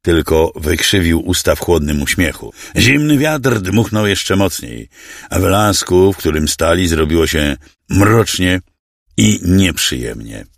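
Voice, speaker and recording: A man's voice: deep voice, lively intonation, unhurried, no room sound, studio quality. A man narrating an audiobook in a dramatic storytelling manner.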